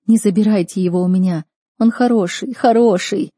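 Женщина в роли рыдающей отчаянной девушки, крик. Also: female voice, normal speed, dark tone, slightly rough, no echo, studio quality. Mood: desperate screaming. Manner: shrill pleading cries. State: crying. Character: desperate young woman sobbing and screaming.

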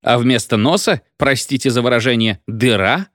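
A man's voice: mid-range voice, animated, normal speed, fairly bright tone, no room sound, clean studio sound, lightly acted. A man voicing a drunken, pompous village medic who lectures in a rambling, hiccuping sing-song. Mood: tipsy lecturing.

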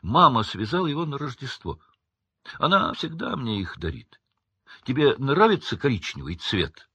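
A man's voice: medium pitch, sing-song, normal speed, bright, forceful tone, slightly rough, dry recording, muffled recording, voice pushed up, heavily acted. A man voicing a friendly, generous teenage boy in a storybook reading.

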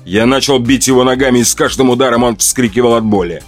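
A man narrating a first-person story in a steady, plain way. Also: medium pitch, quick pace, faint music behind.

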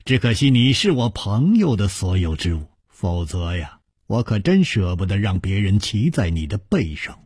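A man voicing a witty, carefree young male hero who speaks in a bright, laughing, sing-song way. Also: fairly low pitch, big pitch swings, normal speed, slightly rough, dry recording, studio quality, pitched below the performer's own voice. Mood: merry.

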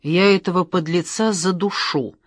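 A reader voicing Anna, a protective older sister who scolds and threatens. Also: female voice, on the low side, moderate pace, dry recording, lightly acted. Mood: scolding. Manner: sharp, scolding.

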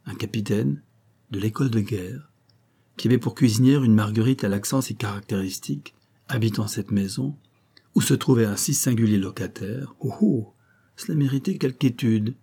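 A man reading a novel aloud as a steady, deliberate audiobook narration. His voice is low and mellow, with a husky grain.

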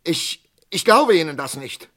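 A man's fairly high, somewhat bright voice, very animated, portrays an outraged, agitated psychiatrist in a German radio crime drama. The actor delivers the lines in an urgent, halting way.

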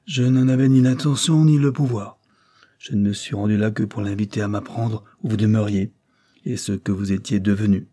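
A man's voice: fairly low pitch, fairly even intonation, moderate pace, mellow, natural voice. A man reading an audiobook plays a stern older aristocrat, the count, who lectures and reproaches in a severe tone. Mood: measured.

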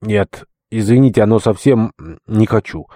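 A man's voice: fairly low pitch, fairly even intonation, moderate pace, dark tone, no room sound, studio quality, pitched above the performer's own voice, close to an everyday voice. A man voicing a simple, good-natured deacon in an audiobook reading, speaking plainly and without hurry.

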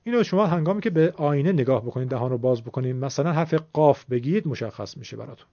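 A man's voice: medium pitch, expressive, gravelly, warm tone, no echo. A man with an Iranian Persian accent teaching tajweed, patiently explaining and repeating key points. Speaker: Quran recitation teacher. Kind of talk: tajweed lesson. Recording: dull lo-fi recording.

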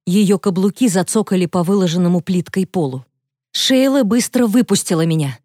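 A woman narrating a first-person audiobook thriller in a steady, expressive way. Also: lowish voice, normal speed, no room sound, clean studio sound.

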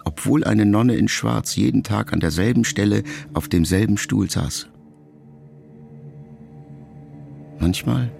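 An actor voices a melancholy, reflective writer son in a radio drama, speaking in measured, intimate, halting phrases as though addressing his mother. His voice is low, creaky, and a little mellow, and the mood is somber and reflective.

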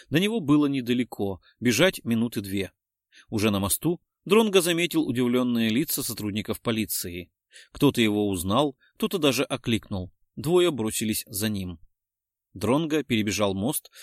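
A man's voice: mid-range voice, no echo, clean studio sound. A man narrating a detective novel as an audiobook, with dramatic storytelling.

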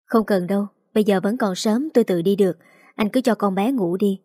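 A woman voicing a gentle young mother who speaks calmly and soothingly to her child, with soft music behind. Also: medium pitch, fairly quick, dry recording, studio quality, natural voice.

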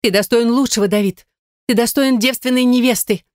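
A desperate, scheming young woman squeals and shrills her lines in a raised, piercing pitch, as a woman reader puts her on. Jealous and frantic, she pleads one moment and accuses the next. It is an audiobook character voice, recorded close and dry. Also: fairly even intonation, fairly quick, dry recording, natural voice. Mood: insistent.

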